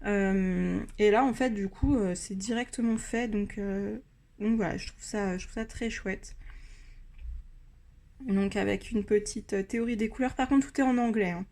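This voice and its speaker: A French woman giving a casual review of colored pencils, pausing often with fillers and restarting her sentences. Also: mid-range voice, fairly even intonation, warm tone. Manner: hesitant, many fillers and restarts. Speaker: art supply reviewer.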